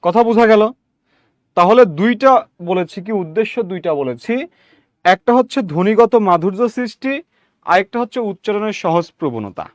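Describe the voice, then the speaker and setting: A man teaching a class, repeating words aloud slowly and often asking his listeners whether they follow. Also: sits high, animated, dry recording. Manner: addresses listeners directly with questions. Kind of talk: classroom lecture.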